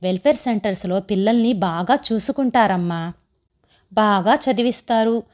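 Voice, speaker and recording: A woman's voice: medium pitch, normal speed, darkish tone, natural voice. Woman doing a soothing grandmother, lo-fi. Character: worried grandmother, gentle and soothing. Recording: muffled lo-fi recording.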